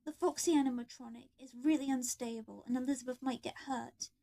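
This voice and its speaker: A woman's voice: high-pitched, steady tone, a little fast, vocal fry, mellow. A woman voicing a protective young older brother with a dry, sarcastic manner.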